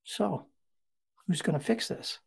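A middle-aged keynote speaker talks in a husky, slightly breathy voice that sits high, and his pace is slow. He tells stories in a lively, conversational manner, tossing in asides along the way.

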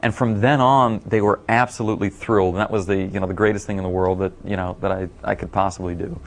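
A middle-aged man telling a casual story at a talk, rambling with many fillers and getting animated when he quotes others. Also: low-pitched, quick pace. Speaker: speaker at a talk.

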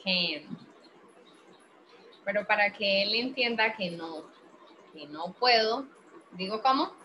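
A Colombian woman teaching an English grammar class, explaining slowly and patiently while questioning her students. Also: mid-range voice, bright, forceful tone, a little hiss or hum, low-quality recording. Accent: Colombian Spanish.

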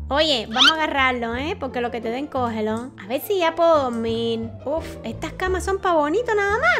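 A woman gushes through a video game house tour in a high voice that swoops up and down. Loud music plays under her the whole time. She keeps talking to her viewers. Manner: bubbly, exclamatory, talks to viewers. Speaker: gaming YouTuber. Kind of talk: excited Minecraft house tour.

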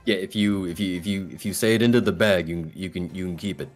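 A very deep-voiced man runs a tabletop game, narrating in a halting way and often repeating his words. Faint background music plays under his voice. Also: steady tone. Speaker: game master.

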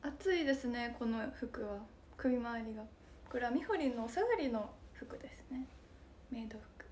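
A young woman with a fairly high voice chats playfully on a live stream and answers comments. She often slips into a soft whisper. Faint room noise sits behind her. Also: lively intonation, moderate pace. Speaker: idol streamer. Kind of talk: casual live-stream chat.

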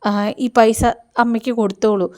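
A woman's voice: a little high, fairly even intonation, moderate pace, dark tone, lightly acted. Woman reading a humble, dignified young woman. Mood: earnest.

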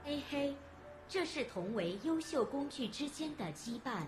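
A woman's voice: sits high, lively intonation, a little slow. A woman playing a devoted, literal-minded robot maid in a game, announcing things in a formal robotic manner. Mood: secretive. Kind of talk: game voice acting. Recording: game music behind.

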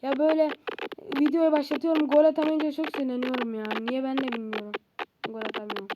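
A woman giving live commentary on her own football video game, excitable and easily frustrated, shouting when goals come. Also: sits high, fast talker, dull audio. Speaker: gaming video creator. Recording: loud background noise.

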